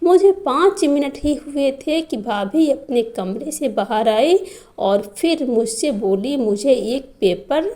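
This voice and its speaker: A woman tells a first-person family story at an unhurried pace. Her voice sits high, yet its tone stays mellow and soft, and the reading remains steady and scripted. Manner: slow, even reading of a family drama.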